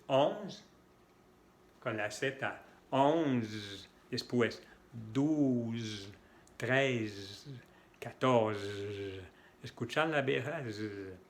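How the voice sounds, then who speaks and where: A man gives a slow, patient pronunciation lesson, modeling each sound and repeating words so learners can follow. His voice sits at an ordinary middle pitch, and his pace is unhurried and careful. Spanish is not his first language. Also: a bit bright, slight background noise. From French-speaking. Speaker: French pronunciation teacher. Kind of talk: slow explanatory lesson with examples.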